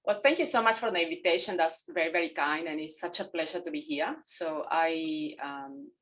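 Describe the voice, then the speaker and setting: On a video call, a middle-aged Mexican woman whose native language is Spanish presents a pathology case, halting with fillers and correcting herself. Her voice is deep with a fairly bright tone.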